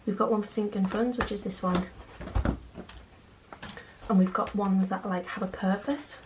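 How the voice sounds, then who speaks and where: A young British woman chats casually in a quiet, hushed late-night voice at a medium pitch. She sounds like a home vlogger keeping her volume down. The recording has clear background noise. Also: steady tone, normal speed. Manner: quiet, hushed late-night talking so as not to wake sleeping children. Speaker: vlogger, channel host. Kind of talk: casual budgeting vlog, chatting while counting cash.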